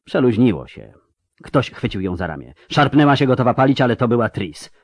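A man's voice: medium pitch, big pitch swings, fairly quick, dry recording. A man narrating a fantasy audiobook with a dramatic, varied delivery.

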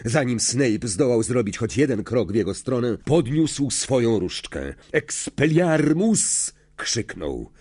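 A man narrates an audiobook with slow, dramatic delivery. His voice is husky and his pitch ranges widely through each sentence. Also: expressive, dark tone. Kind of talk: scripted narration.

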